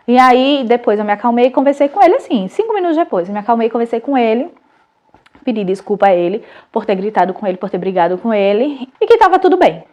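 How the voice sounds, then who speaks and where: A Brazilian woman in her thirties, a mother and channel host, telling a family story in a casual, animated, chatty way with many restarts. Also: a little high, quick pace. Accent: Brazilian Portuguese.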